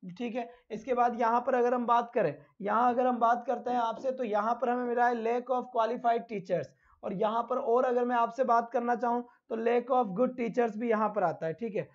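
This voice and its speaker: A man's voice: very high voice, steady tone, normal speed, lo-fi sound. A male teacher giving a live online lesson, who asks his own questions, answers them himself, and calls his students "beta".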